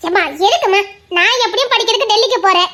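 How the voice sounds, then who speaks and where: A young separated wife and student with a Tirunelveli Tamil accent, played by a woman, thinking aloud in a soft, musing voice. Her pitch is extremely high. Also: rapid-fire. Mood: defiant. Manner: musing, soft-spoken inner monologue.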